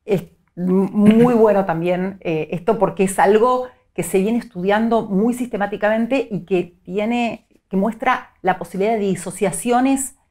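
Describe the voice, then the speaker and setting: A middle-aged woman with a Rioplatense Spanish accent, a psycholinguist giving clear, teacherly explanations in an interview. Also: medium pitch, measured pace, few pauses, darkish tone. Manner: clear, didactic, illustrates points with examples. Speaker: psycholinguist guest.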